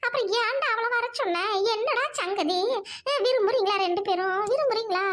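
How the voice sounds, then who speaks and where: A woman's voice: very high-pitched, fairly quick, a bit bright. A woman voicing a fretful, pleading old grandmother in an audio drama.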